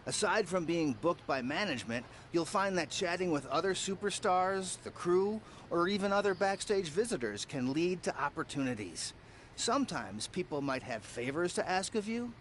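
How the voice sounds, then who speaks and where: A man's voice: high-pitched, lively intonation, normal speed, fairly bright tone, a little hiss or hum. An actor playing a friendly, older male cameraman who patiently explains things to a newcomer in video game dialogue. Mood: advising. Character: friendly veteran male cameraman, helpful mentor.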